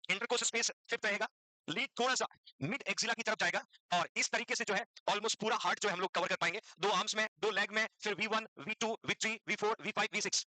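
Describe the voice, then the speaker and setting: A man's voice: high voice, fairly even intonation, fast, pushed and bright, no echo, poor audio. A man teaching a classroom lecture for nursing exam students, mixing English terms into his Hindi, repeating key points and quizzing the class.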